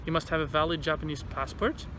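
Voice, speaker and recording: Male vlogger, fairly high voice through a face mask, halting informal explainer, recorded outdoors over clear traffic noise. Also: fairly even intonation. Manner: halting, repeats words. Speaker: vlogger giving visa advice. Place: outdoors in a city. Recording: noisy outdoor city traffic background.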